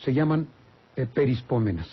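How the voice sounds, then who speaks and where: An older man with a Mexican accent explains words and accent rules for radio listeners. He speaks slowly and patiently, pausing and correcting himself as he goes. His voice is husky, and the broadcast sounds dull and lo-fi. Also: mid-range voice, expressive. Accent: Mexican Spanish. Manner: slow, explanatory, many hesitations and self-corrections. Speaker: language expert answering listener questions. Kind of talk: radio call-in chat.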